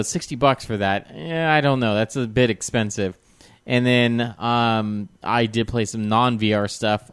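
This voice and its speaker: A man co-hosting a gaming podcast, chatting casually in a relaxed, rambling way that trails off at times. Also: on the low side, clean tone, no echo. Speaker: podcast co-host. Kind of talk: casual chat.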